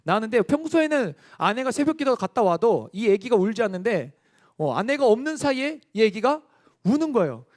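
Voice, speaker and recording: Animated young male youth pastor. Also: very high-pitched, a little fast. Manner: lively storytelling, quizzing the congregation. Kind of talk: youth sermon.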